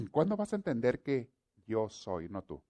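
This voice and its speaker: A man's voice: medium pitch, huge pitch swings, measured pace, mellow, full character voice. A man preaching a sermon gives voice to God, a mighty, commanding male divine presence who talks in solemn, proclaiming phrases and keeps repeating one name.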